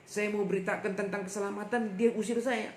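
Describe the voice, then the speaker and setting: A nervous, bewildered pastor in a raised, strained pitch, as a preacher plays him in his own story. He sounds hesitant and unsure, and his voice rings in an echoey room over a faint background hum. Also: fast. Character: anxious, puzzled male pastor in debt.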